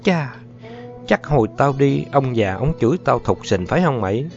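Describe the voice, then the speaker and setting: A man's voice: medium pitch, lively intonation, gravelly, a little mellow, voice pushed up. A man voicing a brash, streetwise older girl in a storybook reading, firing off coarse questions. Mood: blunt. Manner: coarse, rapid-fire questions. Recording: dull lo-fi with faint music.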